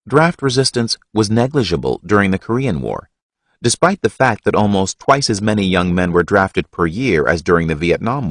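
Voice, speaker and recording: A man reading a history audiobook in a measured, expressive narration. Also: fairly low pitch, no echo, clean studio sound.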